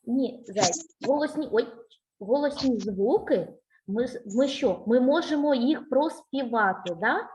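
A woman teaching a child in a one-on-one speech lesson. Her voice sits high, and she talks slowly and deliberately. She is patient and encouraging, asks question after question, and sings out vowel sounds clearly to show them. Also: lively intonation, a little mellow.

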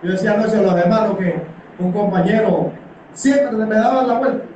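In a crowded small church hall indoors, a middle-aged Panamanian church elder gives an impassioned, conversational sermon dotted with rhetorical tag questions. His voice is high-pitched and a little mellow, at normal speed, on lo-fi sound. The mic is far from the camera, so his voice echoes through the room amid background noise.

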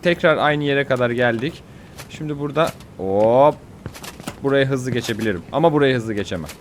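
A young man giving casual, excitable commentary on his own gameplay, fretting aloud and yelping at near falls. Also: mid-range voice, brisk, a little hiss or hum. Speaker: gaming YouTuber.

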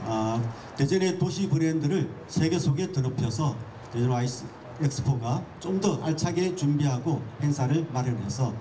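A man welcoming visitors in a formal speech, often pausing with "uh", speaking into a handheld mic. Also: a little high, lively intonation, dark tone. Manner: frequent "uh" fillers while speaking freely. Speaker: expo organizer welcoming visitors. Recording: distant mic with outdoor noise.

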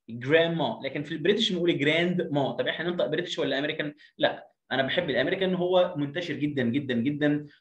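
A man with an Egyptian Arabic accent teaching an English lesson, repeating words slowly to drill their pronunciation. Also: medium pitch, lo-fi sound. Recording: roomy echo.

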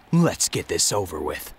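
Low, brooding Shadow the Hedgehog. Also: male voice, husky, exaggerated voice. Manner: terse, deadpan, stern. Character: brooding, stoic male hedgehog agent, terse and cold. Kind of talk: video game cutscene acting.

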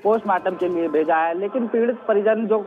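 A man's voice: sits high, a little fast, soft background music. A male field reporter giving an earnest live news report from outdoors at a scene, repeating the key questions. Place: outdoors at a mall. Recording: tinny phone-line audio.

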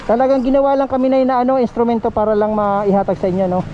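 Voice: mid-range voice, flat delivery, quick pace, muffled recording, heavy background noise. A vlogger with a Bicolano accent, talking politely and earnestly outdoors on a rural roadside. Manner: polite, earnest, repeats himself. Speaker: motovlogger. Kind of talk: casual charity vlog chat.

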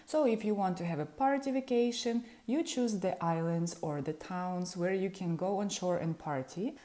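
A yacht charter specialist from Ukraine, in her thirties, talks to camera at a moderate pace in a fairly low, dark voice. She speaks with a Ukrainian accent and keeps it friendly and explanatory, in the style of an informative vlog. She's in a small room at home, using an earphone mic with webcam framing.

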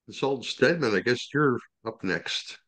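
A man chairing a public commission meeting over a video call, talking haltingly with many fillers and restarts. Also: medium pitch, expressive, a bit bright.

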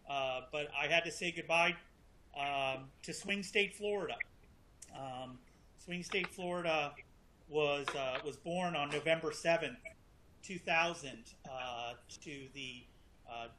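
A man moderating an online panel discussion with teasing, deadpan humor, heard over a video call. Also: a little high, a little hiss or hum, low-quality recording.

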